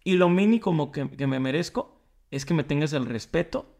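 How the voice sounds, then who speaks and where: A man's voice: a little high, animated, moderate pace, creaky, a little mellow. Guy on a podcast, chill, wanders through his stories. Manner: reflective, meandering storyteller. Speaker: podcast co-host. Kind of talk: casual podcast chat.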